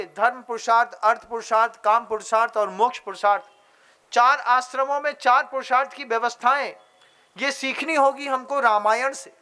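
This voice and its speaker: Male monk preacher, very high and bright voice, exhortative sermon delivery with rhetorical questions.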